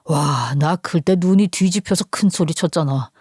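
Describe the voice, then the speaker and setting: A woman's voice: deep voice, moderate pace, darkish tone, breathy edge, dry recording, studio quality, pitched below the performer's own voice. A woman voicing an angry middle-aged husband who grumbles in exasperation. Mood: aggrieved.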